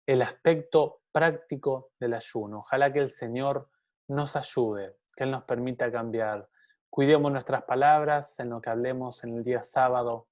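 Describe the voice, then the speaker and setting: A man's voice: medium pitch, a little slow, a little mellow. Earnest man teaching the Bible. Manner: earnest, addresses listener directly with rhetorical questions.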